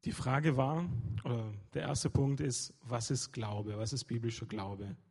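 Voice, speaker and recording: Young male preacher, loose informal sermon, hesitant delivery, mellow and a bit husky. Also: mid-range voice, fairly even intonation, a little slow. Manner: hesitant, many fillers and restarts.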